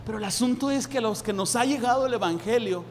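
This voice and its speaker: A man preaching a sermon as a pastor, acting out lively dialogues in a raised voice. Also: very high voice, fast talker. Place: church hall. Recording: reverberant hall, faint room noise.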